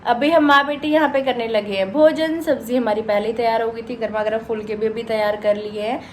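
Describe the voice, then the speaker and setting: Chatty woman vlogger, higher voice. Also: a little hiss or hum. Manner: chatty, animated retelling with quick asides. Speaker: vlogger, host of a family daily vlog. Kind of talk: casual storytelling to camera. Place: at home.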